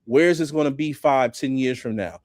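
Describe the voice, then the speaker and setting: Male builder, casual call chat, animated and slangy, dry close sound. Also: mid-range voice, fairly quick, no echo. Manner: animated, says "bro" and "you know what I'm saying" a lot. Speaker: hackathon builder.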